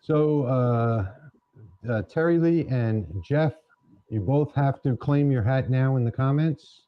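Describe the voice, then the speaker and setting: A man's voice: medium pitch, slow pace. A man hosting a casual livestream from a home laser workshop, chatty and thinking aloud on a wireless mic. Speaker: livestream host. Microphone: wireless clip-on mic. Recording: slightly muffled livestream audio.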